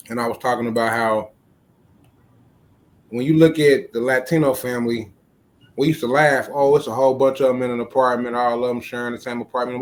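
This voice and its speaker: A man's voice: mid-range voice, slight background noise. A man hosting a casual interview, easygoing and full of conversational fillers. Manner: easygoing, lots of "you know what I'm saying". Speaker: host.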